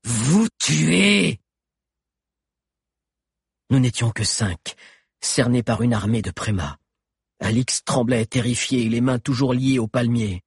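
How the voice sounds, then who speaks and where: A man tells an adventure in the first person with steady, dramatic storytelling. His voice is very husky and breathy at a mid pitch. The recording is dry and close, with no room around it. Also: a little slow, no echo. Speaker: audiobook narrator. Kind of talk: first-person scripted narration.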